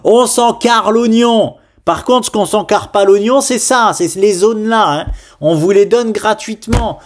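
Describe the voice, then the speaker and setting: A man from France hosting an investing channel, giving casual, animated market commentary and talking straight to his viewers. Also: sits high. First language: French. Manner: animated, ranting, direct address to viewers.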